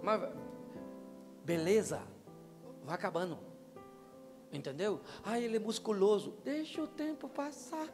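Long pauses mark the measured delivery of this high-pitched older man, a pastor with a Brazilian Portuguese accent. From a church stage in a big hall, handheld mic in hand, he preaches a humorous message to couples, animated and joking while posing questions to the crowd. The live hall recording carries long reverb and faint music.

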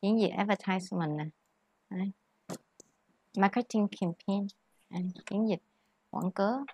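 A woman's voice: mid-range voice, unhurried, darkish tone, breathy edge. A woman teaching English, patiently explaining word stress and mixing English words into her explanations. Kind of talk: tutoring lesson on word stress.

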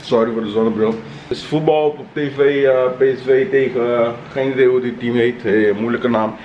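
A man in his thirties vlogs at home in a casual, chatty way. His voice is mid-pitched, picked up by a handheld camera with faint noise around it. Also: steady tone, fairly quick, dull audio. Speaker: vlogger. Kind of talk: casual vlog chat to camera. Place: at home indoors, rooms with hard floors and walls. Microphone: handheld camera at arm's length.

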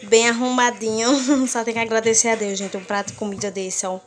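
A young Brazilian woman with a Brazilian accent chats casually in a home vlog, holding her phone at arm's length indoors. Her voice is a little high and a little fast, with little pitch movement and a bit of hiss or hum. She keeps addressing viewers warmly with diminutives.

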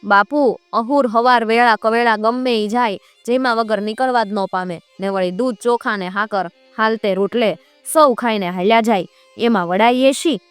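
A sly wandering bard from an old folk tale pleads and flatters with emphasis, a little louder than the narration, as a woman storyteller puts him on. The recording is dry and close, with soft music beneath. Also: a little high, moderate pace, smooth, no room sound, natural voice. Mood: pleading.

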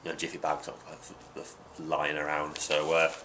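Recorded on a noisy desk webcam in a small home room, a twentysomething vlogger unboxes items, rambling casually with many ums, nasal from hay fever. He has a bass voice with a totally flat delivery at normal speed and a bright, forceful tone.

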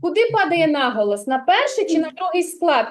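A woman kindergarten teacher giving a literacy lesson in a classroom, speaking slowly and articulating every sound while coaxing answers from the children. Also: extremely high pitch, sing-song, low-quality recording. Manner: slow, carefully articulated, coaxing questions to children.

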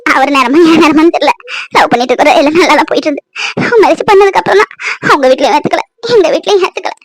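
A piercingly high, quick young cartoon mother , voiced by a woman, sobbing and pleading in speech. She sounds worn down and grateful, talking fast through her tears. The sound is dry and close. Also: no echo. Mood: tearful. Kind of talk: cartoon voice acting.

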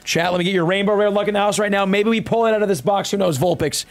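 A young man chatting casually to livestream viewers in slangy, bro-heavy talk, swinging from low asides to loud, excited hype calls. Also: fast. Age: young adult. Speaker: live streamer opening card packs. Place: indoor streaming room at home.

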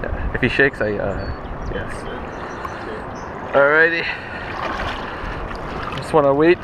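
Excitable young man fishing outdoors. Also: mid-range voice, takes it slowly. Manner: excitable, exclamatory, swears. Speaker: angler filming his catch. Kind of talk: casual outdoor chat. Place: riverbank and dock outdoors. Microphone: head-mounted action camera. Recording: action camera with loud wind and water noise.

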